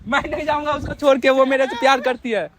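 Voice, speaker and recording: A man's voice: very high-pitched, fairly even intonation, quick pace, noisy background. Pushy young man bossing friends around. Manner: pushy, repeats commands. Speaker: vlogger pranking a friend. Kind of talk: heated casual argument.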